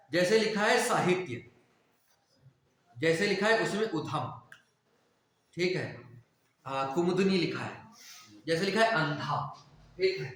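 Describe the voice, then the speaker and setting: A man with a fairly high voice teaches a grammar lesson, repeating each word and putting questions to the class. His voice rings through a very echoey classroom, picked up from a distance. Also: fairly bright tone, slight background noise. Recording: echoey classroom, mic far off.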